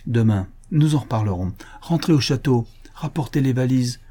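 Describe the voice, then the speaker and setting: A man reading the part of a proud, sharp-tongued young woman in an audiobook, curt and imperious. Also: mid-range voice, animated, moderate pace, slightly rough.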